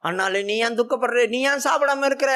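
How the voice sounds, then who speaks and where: A man's voice: very high voice, quick pace, bright, forceful tone, exaggerated voice. A man preacher voicing a loving husband who anxiously questions his wife, in his own voice. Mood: tender.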